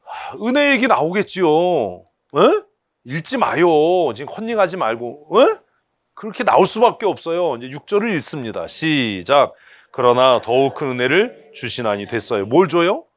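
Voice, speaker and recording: A man's voice: fairly high pitch, very animated, moderate pace, no echo. A man preaching a sermon in blunt, colloquial speech full of rhetorical questions. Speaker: pastor. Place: church service.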